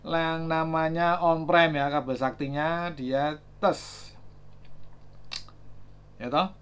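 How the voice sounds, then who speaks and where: A man's voice: on the high side, fairly even intonation, slow, fairly bright tone, smooth. A man casually demonstrating chargers, thinking aloud and reading out numbers with many fillers. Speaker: gadget reviewer. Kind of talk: casual product demo.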